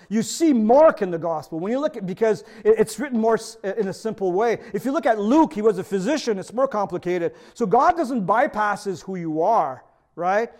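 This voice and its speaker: This middle-aged pastor, a native French speaker with a French accent, preaches earnestly in a notably high, darkish-toned voice. His delivery is expressive and moderately paced, and he keeps checking in with listeners through rhetorical questions.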